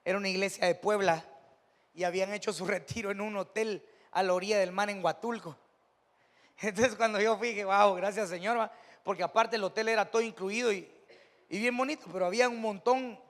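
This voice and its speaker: A man's voice: sits high, a little fast, a bit bright, long reverb tail. A man with a Mexican accent preaching a sermon as pastor, telling stories in a conversational way that builds to emphatic preaching. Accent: Mexican Spanish. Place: church sanctuary.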